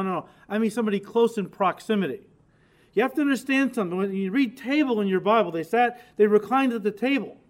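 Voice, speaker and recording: A male pastor teaching through a Bible passage in a conversational, emphatic way, speaking directly to his listeners. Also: high voice. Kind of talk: sermon teaching.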